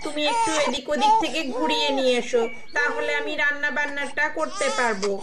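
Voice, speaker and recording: A woman's voice: high voice, brisk, very noisy, close to an everyday voice. A woman voicing a busy village housewife and young mother who talks to herself about her chores. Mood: fretful.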